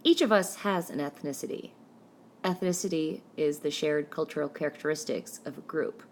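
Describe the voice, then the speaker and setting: A woman narrating a lecture, laying out points one by one in a measured way. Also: low voice, a little hiss or hum.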